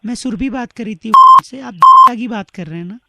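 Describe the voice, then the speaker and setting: A man's voice: high voice, fairly quick, vocal fry, very noisy. A man voicing a pushy, prim female call-centre agent who scolds and insists. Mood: scolding.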